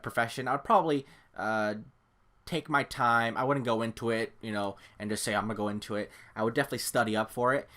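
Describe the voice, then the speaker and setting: A young man from California, a gaming YouTuber, has a medium-pitched, slightly bright voice. He gives casual, rambling gameplay commentary to camera from a room at home, full of fillers and self-deprecating asides, recorded on a desk microphone.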